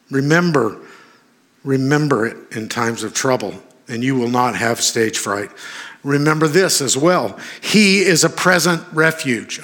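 A man's voice: mid-range voice, a bit bright. A middle-aged man preaching a sermon in a church, emphatic, with sudden exclamations. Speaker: pastor.

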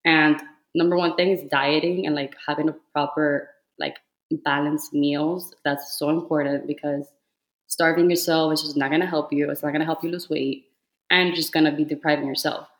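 Here the same kind of speaker, a Cuban fitness influencer in her twenties guesting on a podcast, talks at a moderate pace in a low voice with fairly even intonation. The recording is rough. Her casual chat carries a slight Cuban Spanish accent and frequent "like" fillers.

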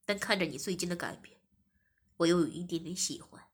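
A woman's voice: on the low side, brisk, husky, voice pushed down. A woman voicing a cold, domineering master in an audio story, speaking in a clipped, commanding way. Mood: stern.

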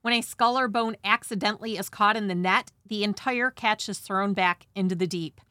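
Woman host, bright forceful voice, scripted storytelling, conversational asides, dry close sound. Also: medium pitch, normal speed, dry recording. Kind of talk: scripted narration with casual asides.

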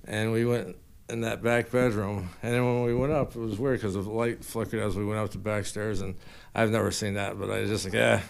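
A man's voice: lowish voice, fairly even intonation, brisk, gravelly. A man telling anecdotes in a casual, colloquial, rambling way as an interview guest. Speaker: guest paranormal investigator.

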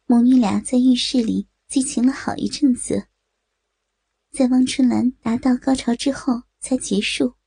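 A woman narrating a story in a slow, measured reading voice. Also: a little high, fairly even intonation, creaky, mellow, breathy edge, no echo.

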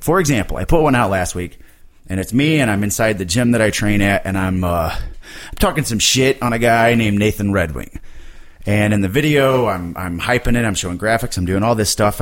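A man who wrestles, hosting a podcast and chatting loosely about his ideas, swearing freely and laughing easily. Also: on the low side. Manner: laid-back, swears a lot, laughs easily. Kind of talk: casual podcast chat.

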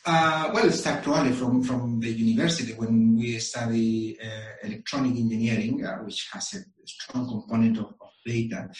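A man's voice: medium pitch, recorded from a distance. Man, echoey and off-mic. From Chile. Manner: measured, pausing often with ums and uhs. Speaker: guest. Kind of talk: professional interview answers. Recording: echoey room, voice a bit off-mic.

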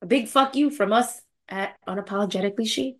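A woman's voice: mid-range voice, fast. A woman co-hosting a casual podcast panel, laughing often, swearing and speaking with emphatic outrage. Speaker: podcast co-host.

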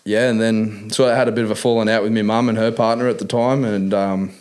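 A man's voice: fairly low pitch, flat delivery, fast talker, darkish tone, clear, resonant tone. An Australian man telling his life story in a casual interview, talking in laid-back working-class Aussie slang peppered with "man" and "mate". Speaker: interview guest.

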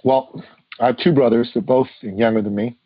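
A man's voice: mid-range voice, steady tone, normal speed, dull audio, slight background noise. A man in his fifties, born in Iran, telling his life story earnestly as a guest author in a podcast interview, with frequent "uh" fillers. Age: 50s.

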